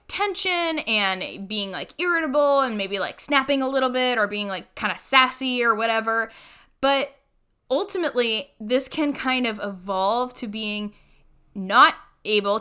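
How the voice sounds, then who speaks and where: A woman's voice: fairly high pitch, pushed and bright, smooth. A young woman in her twenties hosting a solo podcast as a coach, talking candidly in a chatty way with lots of "like" fillers.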